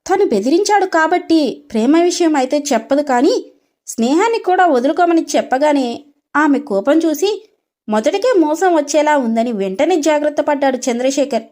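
A woman narrating an animated storybook with expressive, scripted storytelling. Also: sits high, fairly quick.

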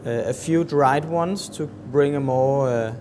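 Slow, halting chef at a kitchen counter. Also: male voice, mid-range voice, background noise. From Denmark. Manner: slow, halting, many fillers. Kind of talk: cooking demonstration. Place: large professional kitchen.

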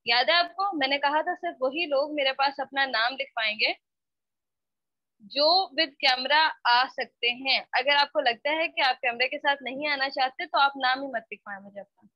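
Switching between Hindi-Urdu and English, this online spoken English teacher scolds her students. She speaks a little fast with few pauses in a high voice; the computer mic on the video call gives dull, dry audio with no room sound.

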